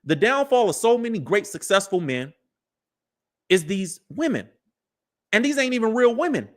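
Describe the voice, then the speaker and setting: A high-voiced man in his early thirties delivers a preachy lecture on his live commentary show, peppered with street slang and aimed straight at the listeners. His delivery is sing-song, at a normal speed.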